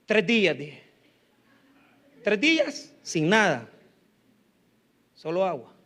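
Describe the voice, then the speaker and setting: High-voiced emotive pastor. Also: male voice, very animated, takes it slowly. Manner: swings from loud emphatic preaching to soft intimate asides; tells personal anecdotes with humor. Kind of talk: sermon.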